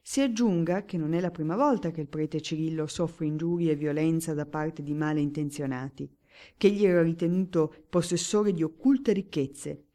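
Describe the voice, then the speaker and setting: A woman's voice: deep voice, moderate pace, warm tone, close to an everyday voice. Pompous lawyer Don Ciccio, read by a woman. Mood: declaiming. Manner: courtroom oratory, emphatic. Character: pompous lawyer man, dry and suspicious. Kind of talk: audiobook reading.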